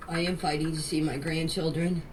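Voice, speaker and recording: Answering questions in a group voice chat, a grandmother records emotional, personal voice messages that sound pleading, insistent, and plain-spoken. Her low-pitched voice stays fairly even and runs a little fast, captured in a distant, noisy amateur recording.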